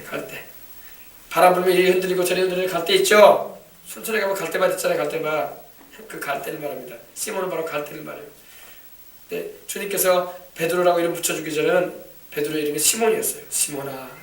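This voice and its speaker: A man's voice: sits high, fast talker. A male pastor preaching a sermon with passion and often calling out for an amen. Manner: impassioned preaching, calls for amens. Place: church sanctuary. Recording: echoey church from a distance.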